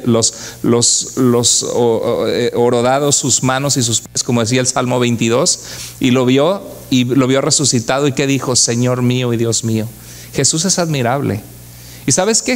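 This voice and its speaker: A man preaching from the pulpit with a voice pitched a little above the usual male range. He speaks with fervor and often turns to his congregation with rhetorical questions, as a pastor delivering a church sermon does.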